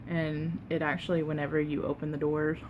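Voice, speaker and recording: A woman's voice: low voice, little pitch movement, muffled recording. Woman chatting with mouth full, noisy room. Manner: talks with mouth full at times, pausing to chew; unhurried, conversational, emphatic retelling with quoted exchanges. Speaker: mukbang vlogger. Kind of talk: casual storytelling while eating.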